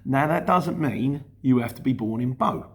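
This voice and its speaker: This middle-aged YouTube host and courier driver comes from Luton, England, and has a Cockney-influenced London accent. His mid-range voice is expressive and moderately paced as he chats casually in a vlog, rambling through explanations and often correcting himself.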